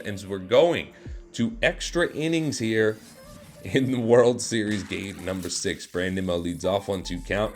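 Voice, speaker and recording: A man giving play-by-play commentary over his own video game, excitable and quick to jump up loud at big moments, his voice a little worn. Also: on the low side. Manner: excitable, voice jumps up and gets loud at big plays. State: losing his voice. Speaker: gaming YouTuber.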